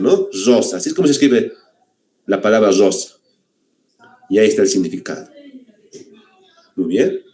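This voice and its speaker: A Bolivian man lectures a language class in a mid-range, dark-toned voice, often checking in with "muy bien" and addressing the students directly as "señores."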